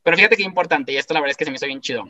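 Animated Mexican man, bright slangy storyteller. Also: a little high, very fast. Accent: Mexican Spanish. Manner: animated, slangy, acts out quoted voices. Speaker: guest speaker. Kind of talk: casual storytelling. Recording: dull lo-fi sound.

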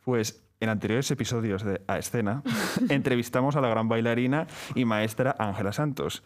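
A man's voice: medium pitch, moderate pace. Man reading a guest introduction carefully. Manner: reads carefully, stumbles on names. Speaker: co-host.

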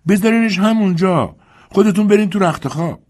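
A man's voice: sits high, darkish tone, pitched above the performer's own voice. A man voicing a heavy, weary old woman housekeeper who scolds in a drawling way, in an audiobook. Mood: placating. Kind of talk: audiobook character voice.

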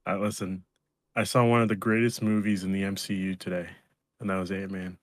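An excitable man joins a podcast as a guest, speaking emphatically. His voice sits fairly low. It is recorded dry, with no room echo. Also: fairly quick. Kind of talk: casual podcast chat.

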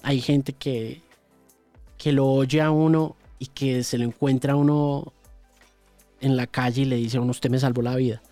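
A radio host from Colombia, telling stories in an interview, animated and full of repeated words and restarts. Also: male voice, medium pitch, unhurried, pauses often, dry recording, soft background music. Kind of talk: storytelling in an interview.

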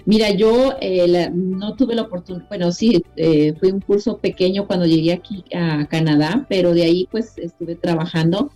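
Mellow-voiced Mexican woman, encouraging guest. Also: on the low side, normal speed, few pauses, soft background music. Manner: earnest, proud, encouraging, speaks frankly. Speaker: guest author. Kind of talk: casual radio interview.

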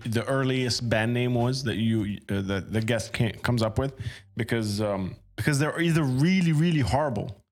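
A man hosting a casual podcast interview, halting and repeating words as he phrases his thoughts. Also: lowish voice. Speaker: podcast host.

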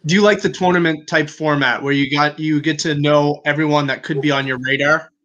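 A man's voice: fairly high pitch, steady tone, brisk, a bit bright. A male interviewer heard over a bad remote connection that breaks up and sounds robotic, repeatedly checking whether he can be heard. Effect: breaking-up call audio, robotic-sounding. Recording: muffled, dropping remote call line.

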